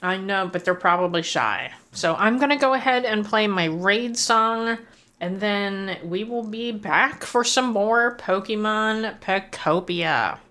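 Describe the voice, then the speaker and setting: A woman's voice: medium pitch, lively intonation, a little slow, bright, forceful tone. A woman chatting casually on a gaming livestream, greeting and thanking her viewers as she plays. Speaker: game streamer.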